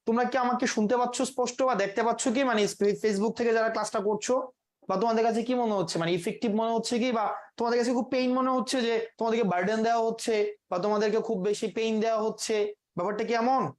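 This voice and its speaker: A man's voice: extremely high pitch, steady tone, quick pace, a little mellow. A man teaching English vocabulary in a classroom, quizzing his students and mixing in English words. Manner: asks the class quiz questions, mixes in English words. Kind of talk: live classroom lesson.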